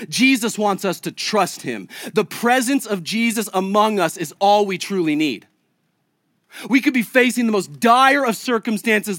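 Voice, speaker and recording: A man's voice: sits high, fairly bright tone, dry recording, clean studio sound. A male pastor preaching a conversational sermon, full of rhetorical questions to the congregation. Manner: chats casually with a child mid-sermon.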